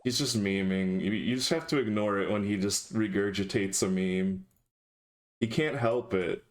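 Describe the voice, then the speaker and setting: A man's voice: fairly low pitch, moderate pace. A man chatting casually on a live stream, talking to his chat in a dry, sarcastic way.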